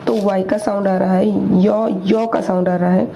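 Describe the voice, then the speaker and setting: A woman teaching English grammar, explaining slowly and repeating each word, asking questions and answering them herself. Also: medium pitch, fairly even intonation, warm tone. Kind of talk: slow explanatory lesson in Hindi. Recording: dull lo-fi recording with faint noise.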